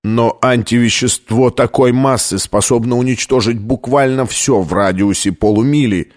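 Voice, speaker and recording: A man's voice: mid-range voice, moderate pace, a little mellow, close to an everyday voice. A man voicing a stern, ailing male lab director who speaks in a tense, clipped way in an audiobook.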